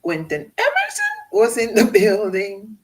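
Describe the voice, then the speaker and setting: A man hosting a casual livestream in an easygoing, meandering way. He talks at a slow, unhurried pace and laughs often between shout-outs to his viewers. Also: sits high, low-quality recording. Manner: relaxed, rambling, laughing often. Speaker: livestream host.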